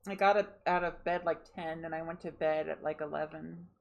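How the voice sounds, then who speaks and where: A woman's voice: low-pitched, steady tone, fairly quick, creaky, darkish tone, lo-fi sound. A woman streamer chatting casually to herself while gaming, sleepy and sighing often. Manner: drowsy, sighing, talking to herself.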